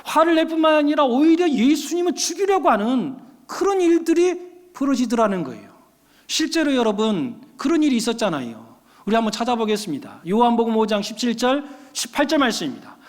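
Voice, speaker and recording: A man's voice: extremely high pitch, very animated, a little fast. A male pastor preaching a sermon, speaking with animation and asking the congregation rhetorical questions. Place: church sanctuary. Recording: long hall reverb.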